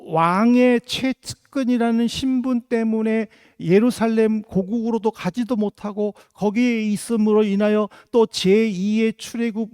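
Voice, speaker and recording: A man's voice: high voice, warm tone, clean tone, dry recording, clean studio sound. A middle-aged man from South Korea, a pastor giving a sermon with earnest storytelling and rhetorical questions. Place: church in Germany.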